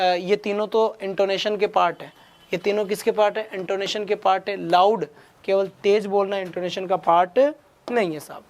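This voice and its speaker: Guy teaching english exam prep online, fires quick questions at students. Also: high-pitched. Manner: rapid Hindi-English mix, urges students with quick questions. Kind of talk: online class lecture.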